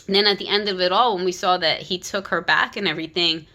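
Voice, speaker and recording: A woman's voice: on the low side, fairly even intonation, quick pace, sharp tone. A woman, a parent, giving a frank, opinionated casual commentary on a children's book, full of "like" and "you know.".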